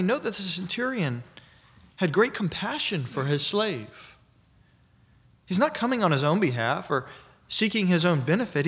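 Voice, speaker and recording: Male preacher, slightly higher voice, measured emphatic sermon delivery. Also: fairly bright tone. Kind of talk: expository sermon.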